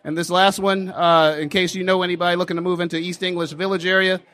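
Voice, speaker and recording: A man enthusiastically pitching renovated properties at an investors' meeting, with frequent fillers. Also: level tone, fast, a bit bright. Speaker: real estate seller pitching properties.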